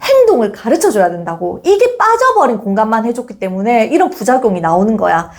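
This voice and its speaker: Lively middle-aged woman lecturing on parenting. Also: fairly high pitch, brisk. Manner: expressive storytelling, acts out examples.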